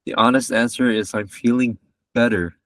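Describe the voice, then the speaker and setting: A man's voice: medium pitch, steady tone, moderate pace, a bit bright, dry recording, recorded from a distance. A man in his twenties from Malaysia, a podcast guest chatting casually in a rambling, joking way that keeps correcting itself. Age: 20s. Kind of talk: casual chat.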